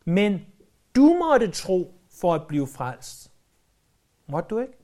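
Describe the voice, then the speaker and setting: A man's voice: sits high, very animated, dark tone. A man preaching a sermon in an earnest, emphatic way, repeating key phrases for weight.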